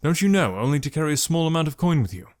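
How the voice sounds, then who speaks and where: A man voicing a calm, curt young male archer in an audiobook, speaking dry and clipped. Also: fairly high pitch, racing, dry recording, voice pushed up. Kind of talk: audiobook character voice.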